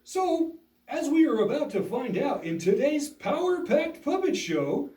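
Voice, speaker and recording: A man's voice: very high voice, sing-song, unhurried, warm tone. A man hosting a children's puppet show as a pastor, giving an earnest, upbeat lesson like a school lecture. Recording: roomy echo, distant mic.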